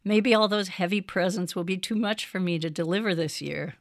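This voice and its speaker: Gentle storybook Santa, old and kind, warm and patient; a woman reads him. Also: low voice, unhurried, no echo, clean studio sound. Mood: kindly.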